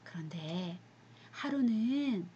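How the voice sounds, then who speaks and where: A woman's voice: medium pitch, animated, extremely slow, mellow, breathy edge, highs cut off. A woman teaching a youth group, telling a Bible story as a sermon; she speaks animatedly, asks the listeners questions and drops to a whisper at times.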